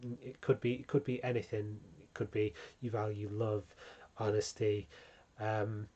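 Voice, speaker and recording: A man's voice: on the low side, unhurried, muffled recording. A man hosting a branding tutorial, talking casually with frequent ums and small restarts. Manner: relaxed, many ums, self-correcting. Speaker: channel host teaching branding.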